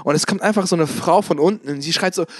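A man telling a story in casual chat, animated, acting out the people he quotes and often restarting his sentences. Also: on the high side, fast, dry recording, clean studio sound. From immigrant to Germany. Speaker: podcast co-host telling a story.

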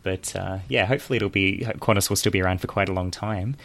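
A man's voice: deep voice, fast, vocal fry, fairly bright tone. A man hosting a casual interview and asking friendly questions. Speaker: podcast host, interviewer.

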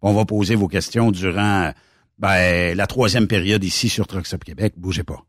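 Brief: Quebec radio host, low lively voice, dry studio sound. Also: male voice, moderate pace, dry recording. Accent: Quebec French. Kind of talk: casual radio chat.

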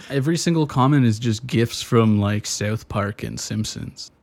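A man's voice: medium pitch, measured pace, creaky. A man co-hosting a casual podcast chat, laid-back and slangy. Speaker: podcast co-host.

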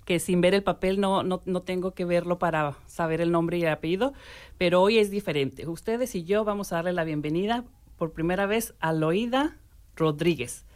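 A woman hosting a radio interview show in casual, chatty Spanish conversation, warm and playful with frequent restarts. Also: on the low side, moderate pace.

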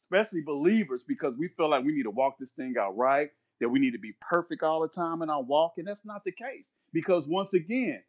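With a slightly high, expressive voice, the man, a minister in his fifties, talks briskly and barely pauses. As a podcast guest he's earnest, repetitive, and quotes scripture in a preachy way, all on dull-sounding audio.

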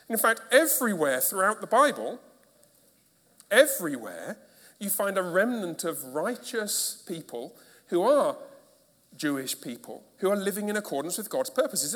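Man, pastor, sermon, emphatic, repeated rhetorical questions, slightly high voice, long church reverb. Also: a bit bright.

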